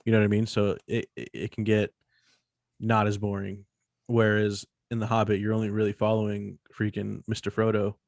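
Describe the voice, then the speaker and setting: A man's voice: fairly low pitch, completely flat delivery, moderate pace, vocal fry, darkish tone, no echo, studio quality. A man co-hosting a casual podcast, slangy and profane, joking with his co-host. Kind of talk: casual chat.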